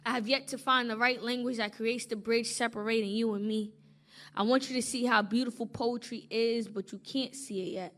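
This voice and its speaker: A woman's voice: a little high, fairly even intonation, normal speed, a bit bright. A young American woman poet speaking on stage, moving between casual introductions and spoken word poetry. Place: live stage before an audience. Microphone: stage microphone.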